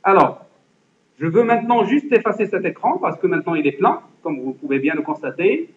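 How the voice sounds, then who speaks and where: A man with a high-pitched, animated voice teaches a computer class step by step, talking a little fast and regularly checking that students keep up. The classroom is echoey and the recording dull and lo-fi.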